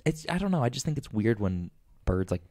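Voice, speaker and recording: A young man co-hosting a casual podcast, rambling and animated, with lots of fillers. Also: medium pitch, brisk, dry recording, studio quality. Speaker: podcast co-host. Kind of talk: casual chat.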